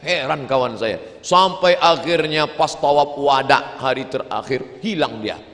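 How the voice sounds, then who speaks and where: A middle-aged man preaching a humorous sermon with animated storytelling, breaking into sung verses. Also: mid-range voice, measured pace. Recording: long hall reverb.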